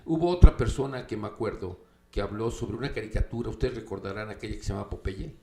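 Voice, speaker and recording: A man telling a story in casual conversation, expressive and animated, sometimes acting out the voices of characters. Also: lowish voice, quick pace. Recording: echoey room with faint noise.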